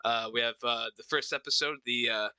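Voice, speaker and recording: A man with a Midwestern accent hosting a casual podcast stream, talking in halting bursts with many restarts. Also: medium pitch, steady tone, pushed and bright, clean tone, no echo. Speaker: podcast host.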